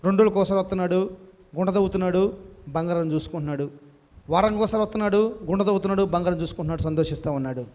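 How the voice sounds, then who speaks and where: Male preacher, very high voice, sermon, parable, questions to congregation. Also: rapid-fire, a little mellow.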